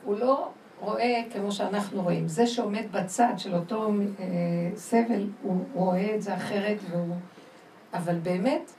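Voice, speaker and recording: A woman giving an animated religious lecture to a women's group, laughing often and putting emphatic questions to her listeners. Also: mid-range voice. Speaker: spiritual teacher. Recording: roomy sound from far off, faint noise.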